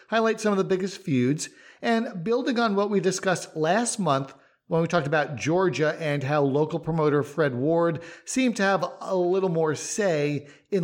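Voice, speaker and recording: A man hosting a podcast, talking casually in a relaxed, rambling way with fillers and restarts. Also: fairly high pitch. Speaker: podcast host.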